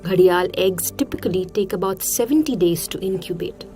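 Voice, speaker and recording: A woman's voice: fairly low pitch, normal speed, loud music behind the voice. A woman reading scripted narration for a nature documentary, as its narrator.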